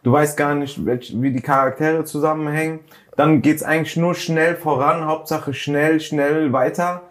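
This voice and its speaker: A man's voice: a little high, steady tone, normal speed. A man co-hosting a casual podcast chat, griping bluntly and dismissively in short bursts. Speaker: podcast co-host.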